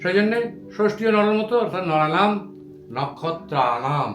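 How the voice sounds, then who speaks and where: A man with a high voice gives a patient classroom grammar lesson and drills word forms slowly, one at a time. His voice echoes around the room. Faint music plays underneath. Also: expressive. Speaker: Sanskrit teacher.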